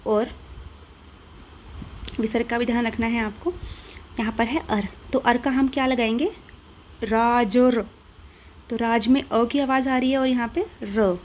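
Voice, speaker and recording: A woman's voice: on the high side, slight background noise. An Indian woman teaching grammar, patiently asking and answering her own questions step by step. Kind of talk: classroom-style explanation.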